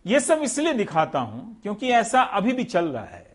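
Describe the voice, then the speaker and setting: A man's voice: sits high, wildly swooping pitch, normal speed. A man delivering scripted TV news commentary in a sarcastic, rhetorical way, speaking straight to the viewer.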